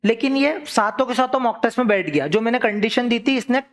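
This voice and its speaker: A young man teaching a law revision lesson in a chatty classroom style, talking straight to his students with everyday examples and slowing down to read legal terms. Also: very high voice.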